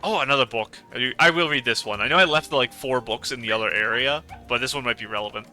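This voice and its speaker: A man's voice: mid-range voice, fast, pushed and bright, faint music behind. A man hosting a let's play, chatting casually and rambling about the game. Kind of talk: casual gameplay commentary.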